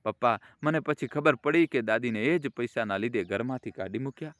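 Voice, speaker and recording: A man's voice: medium pitch, a little fast, fairly bright tone, dry recording, studio quality, close to an everyday voice. A man voicing a frightened, tearful ten-year-old boy who speaks in a faltering way, in an audio story.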